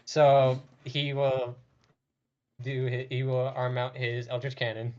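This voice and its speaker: A man's voice: mid-range voice, monotone, takes it slowly, darkish tone, dull audio. A man playing a tabletop role-playing game, talking casually through his moves. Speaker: player in a tabletop RPG.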